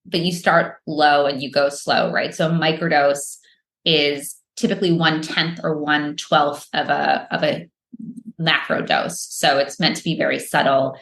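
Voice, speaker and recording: A woman with a low, creaky, slightly bright voice keeps her intonation fairly even and talks at normal speed. She's an American microdosing entrepreneur on a podcast, casually answering questions with plenty of fillers and restarts, in a recording with roomy echo.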